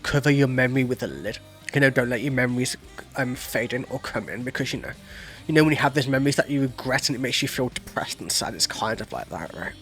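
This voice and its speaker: A man's voice: medium pitch, animated, fast, a bit bright. A man hosting a music reaction channel, chatting loosely and profanely about lyrics, full of "like" and "you know". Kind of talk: casual reaction commentary, explaining lyrics.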